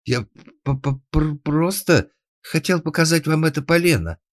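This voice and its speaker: An actor playing a timid, frightened carpenter who pleads and stammers in an audiobook. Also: male voice, medium pitch, expressive, moderate pace, no echo, lightly acted. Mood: pleading. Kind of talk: audiobook character acting.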